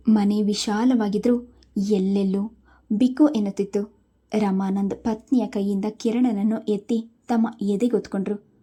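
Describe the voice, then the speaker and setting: Dark-toned woman reading a story. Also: mid-range voice, husky. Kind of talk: reading a family story aloud.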